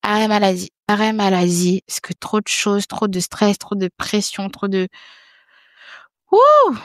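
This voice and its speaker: A woman's voice: medium pitch, sing-song, a little slow, no room sound, studio quality. A woman in her thirties, a podcast guest talking frankly and casually, often repeating words and restarting her sentences. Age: 30s. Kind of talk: casual conversation.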